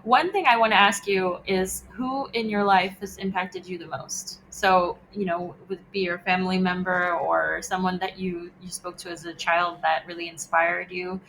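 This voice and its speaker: A woman's voice: fairly low pitch, steady tone, moderate pace, gravelly, hardly any pauses, fairly bright tone, slight background noise, low-quality recording. A woman hosting a podcast interview, attentive and encouraging, asking her guest thoughtful questions. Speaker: podcast host.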